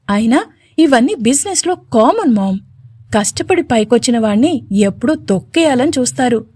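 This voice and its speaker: A man's voice: very high-pitched, darkish tone, no room sound, studio quality. A woman voicing an arrogant, short-tempered young male CEO in a storybook, speaking curtly. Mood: dismissive. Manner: curt, irritated.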